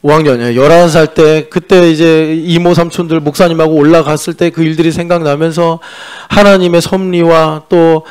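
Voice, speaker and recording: A male pastor delivers a sermon in a church sanctuary. He talks in a loose, conversational way, joking with and teasing his congregation. His voice sits somewhat higher than is usual for a man. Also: steady tone, moderate pace, few pauses, darkish tone, smooth. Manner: mixes in sung-style English lyric lines.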